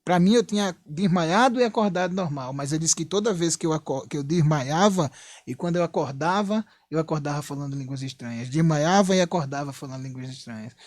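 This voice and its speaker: Brazilian guy giving church testimony, kinda high voice, dry close sound, earnest and repetitive. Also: brisk, no echo. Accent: Brazilian Portuguese. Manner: earnest, repetitive storytelling with frequent "né?".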